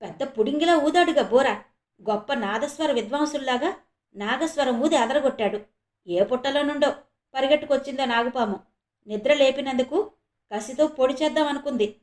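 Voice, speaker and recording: A woman's voice: sits high, fairly quick, natural voice. A woman voicing an angry young man who mocks a friend in a storybook reading. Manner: sharp, mocking. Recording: roomy echo.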